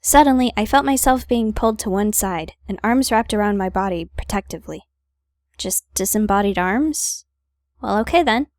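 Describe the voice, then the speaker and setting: A woman reads visual novel narration aloud as a gaming host, slipping in wry, playful comments. Her pitch is average and the recording is close and dry. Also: normal speed, no room sound.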